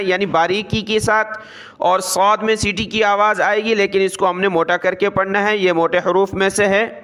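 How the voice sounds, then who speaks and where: A man teaching Quran letter pronunciation step by step in Urdu, explaining mouth positions and slowly drawing out each letter. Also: sits high, bright, forceful tone, clear, resonant tone.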